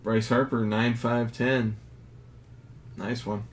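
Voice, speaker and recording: A man casually narrating as he reveals graded trading cards, reading out each grade in a low-key, unhurried way. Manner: slow, low-key commentary, grades read in a flat list. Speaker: card collector. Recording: audible background noise.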